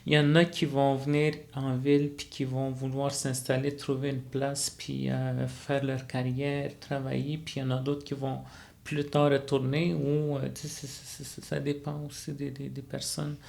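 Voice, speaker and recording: A woman from Quebec whose first language is Atikamekw, speaking Quebec French, appears as a guest on a conversational podcast interview, where she works as a student life facilitator. She talks reflectively, with many hesitations, fillers and restarts. Her voice is rumbling low, creaky and darkish, with little pitch movement and a normal speed.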